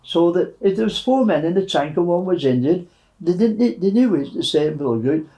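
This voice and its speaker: A man in his nineties, a war veteran recounting wartime memories in a halting way, with many fillers. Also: sits high, expressive, dark tone, rough recording. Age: 90s.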